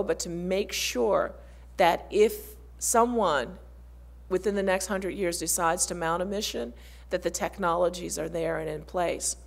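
A middle-aged woman speaking earnestly on a conference panel at a table mic. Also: medium pitch. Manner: earnest, listing many partners. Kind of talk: panel talk. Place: conference hall stage.

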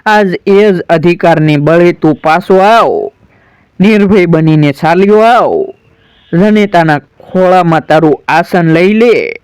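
A man storyteller voicing a tender older royal mother in a dramatic recitation, gentle and coaxing. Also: high-pitched, lively intonation, slow, clean tone, no echo.

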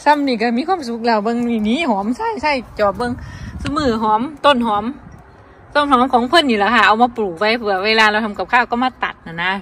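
Her slightly high, somewhat bright voice moves at a quick pace, with a little hiss or hum in the recording. She's a vlogger with an Isan Thai accent, casually chatting to viewers she calls brothers and sisters as she tours a garden outdoors.

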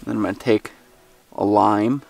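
A man's voice: lowish voice, fairly even intonation, moderate pace, creaky, a little mellow, soft background music. A young man talking casually while cleaning and cooking fish outdoors, thinking aloud with plenty of fillers and self-deprecating asides. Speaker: fishing vlogger. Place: outdoors by a forest lake. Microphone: camera mic, handheld and ground-mounted. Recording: outdoor camera audio from a distance.

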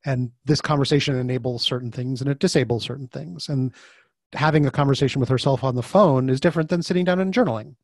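A man's voice: medium pitch, quick pace, no room sound. A man talking as a podcast guest over a video call, chatting casually and animatedly, acting out the voices in his stories. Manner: animated, acts out quoted voices mid-story. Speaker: podcast guest, author and design facilitator. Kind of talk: casual conversational interview.

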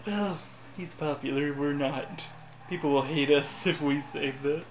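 A man's voice: fairly high pitch, measured pace, echoey room, slight background noise. A man joking and mocking himself while playing a racing game in casual chat. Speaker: gameplay commentator.

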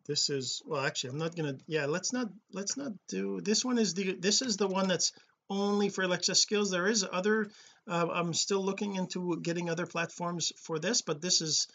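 A man hosting a podcast, walking through his process on a shared screen in a halting way, often restarting and correcting himself. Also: sits high, fairly bright tone. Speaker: podcast host.

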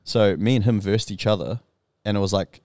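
A man co-hosting a podcast, telling a story in an animated, excitable way full of slang. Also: fairly low pitch, fairly quick, dry recording. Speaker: podcast co-host. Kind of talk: casual chat.

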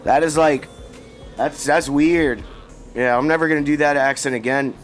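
A man talks casually to his livestream audience, relaxed and slangy, calling viewers bro and dog. His voice sits a touch higher than most men's. Faint music runs underneath. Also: moderate pace. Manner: laid-back, chatty, slangy, addresses viewers as bro and dog. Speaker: game streamer.

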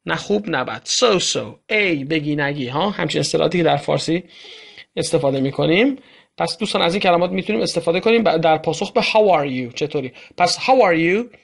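A man with a gravelly edge to his voice, teaching a lesson. He pauses on each phrase and repeats it slowly with its translation. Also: fairly high pitch, lively intonation. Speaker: English teacher. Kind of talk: explaining English to Persian learners.

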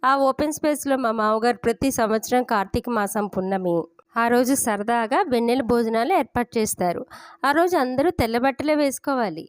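A woman narrating a family story in the first person, with steady, unhurried storytelling. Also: fairly high pitch.

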